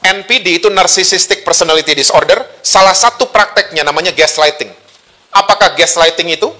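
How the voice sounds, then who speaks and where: A man preaching with a high, bright voice. He is a pastor giving a sermon, chatty and joking, and he often teases the people listening. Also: a little fast. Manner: humorous, conversational, teasing the congregation.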